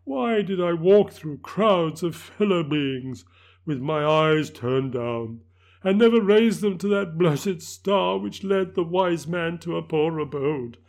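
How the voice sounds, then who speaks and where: A man's voice: on the high side, animated, takes it slowly, a little mellow, pitched above the performer's own voice. A man voicing the anguished ghost of a dead miser, wailing and declamatory. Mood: lamenting.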